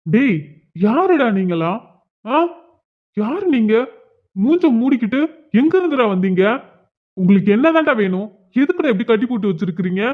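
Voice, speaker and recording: A man plays a tied-up family man in a cartoon, hot-tempered and loud. He talks high and fast with threats, and the sound is thin and phone-like. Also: very animated, heavily acted. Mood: defiant. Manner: shouting threats, blustering.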